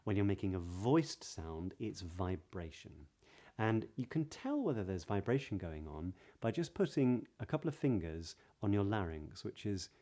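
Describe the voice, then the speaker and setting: A British man with a low, dark and very relaxed voice teaches pronunciation to camera. He explains in a measured, instructive manner, leaning on key words as a voice coach would. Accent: British English. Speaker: voice coach, video host.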